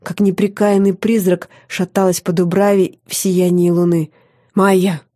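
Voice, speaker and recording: A woman reading a first-person audiobook on a close studio mic, intimate and expressive, often softening to a hush. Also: on the low side, moderate pace, no echo. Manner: intimate and expressive, dropping to a soft hush in tender moments. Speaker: audiobook narrator.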